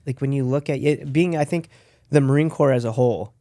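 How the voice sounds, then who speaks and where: A man hosting a podcast, asking halting questions in casual slangy chat. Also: mid-range voice, dark tone, dry recording, clean studio sound. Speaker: podcast host.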